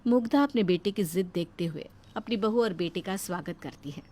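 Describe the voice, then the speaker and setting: A woman giving steady scripted narration for a cartoon moral story. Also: medium pitch, fairly quick.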